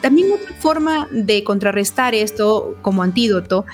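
A woman's voice: medium pitch, very animated, normal speed, soft background music. A woman psychologist explaining relationship advice, often checking in with her listeners with short questions.

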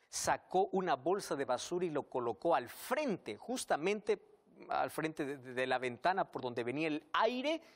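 An earnest male preacher giving a devotional sermon, telling stories and speaking directly to the listener. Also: a little high.

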